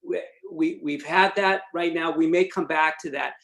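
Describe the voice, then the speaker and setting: A man's voice: a little high, fairly even intonation, moderate pace, gravelly, fairly bright tone. A man hosting a webinar interview, chatting and reading out audience questions. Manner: conversational, reads audience questions. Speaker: webinar host.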